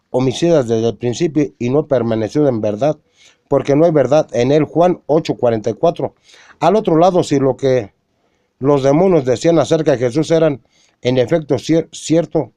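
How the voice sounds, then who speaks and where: A man reading a religious argument aloud in a measured way, quoting scripture and citing chapter and verse. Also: mid-range voice, mellow, no echo. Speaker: religious lecturer.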